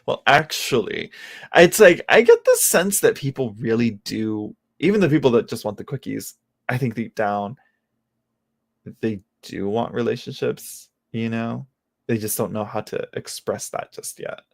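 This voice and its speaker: Gravelly, rambling man in his late twenties. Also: mid-range voice, expressive, normal speed. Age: late 20s. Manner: rambling, self-mocking, many restarts. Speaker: tarot reader. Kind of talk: casual live-stream chat.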